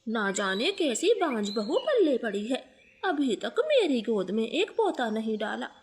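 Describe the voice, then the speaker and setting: A woman's voice: fairly high pitch, sing-song, measured pace, darkish tone. A woman voicing a scolding old female sparrow mother-in-law in a storybook cartoon, speaking in a harsh, taunting tone.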